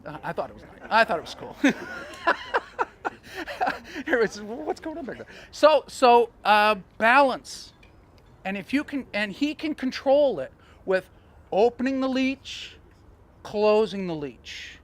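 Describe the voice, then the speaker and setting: A man coaching sailors on sail trim, talking in an animated, storytelling way with chuckling asides. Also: high voice, takes it slowly. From Canada. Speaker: sailing coach. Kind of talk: outdoor teaching talk.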